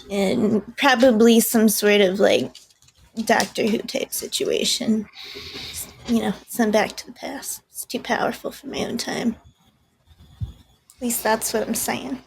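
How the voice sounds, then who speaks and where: A woman with a fairly high voice plays along in a casual tabletop game session. She talks in a playful, joking way and often slips into her character's boasts. A faint hum of room noise sits under her voice. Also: creaky, a little mellow. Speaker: player.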